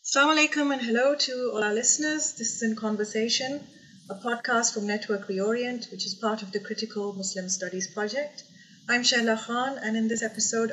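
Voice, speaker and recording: Female podcast host with medium pitch. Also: fairly bright tone, a little hiss or hum, low-quality recording. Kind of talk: scripted podcast introduction.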